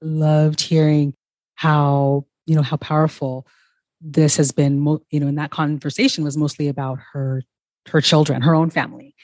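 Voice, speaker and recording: Brief: woman podcast host, even delivery, dry close-miked sound, lots of affirmations. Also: low voice, normal speed, no echo. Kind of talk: podcast interview.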